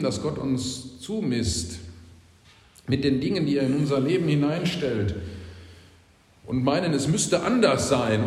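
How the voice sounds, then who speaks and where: A man's voice: mid-range voice, darkish tone. A male pastor preaching a sermon in a conversational way, often asking his congregation for agreement. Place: church. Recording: echoey church from a distance.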